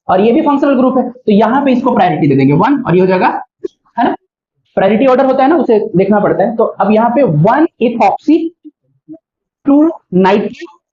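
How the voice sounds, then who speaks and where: A male chemistry teacher giving a classroom lecture, explaining step by step and often checking in with his students. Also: extremely high pitch. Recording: dull lo-fi recording.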